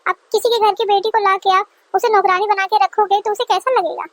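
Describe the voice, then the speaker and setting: A woman's voice: very high-pitched, steady tone, a little fast, no room sound. A woman voicing an aggrieved young newlywed wife who argues indignantly with her in-laws, in a dry close recording. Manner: indignant, complaining.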